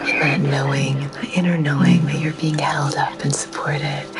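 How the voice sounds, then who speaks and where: A woman whispering softly and soothingly as she guides a Reiki session. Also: low-pitched. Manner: soft, soothing, slow whisper. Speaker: Reiki practitioner. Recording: music playing behind.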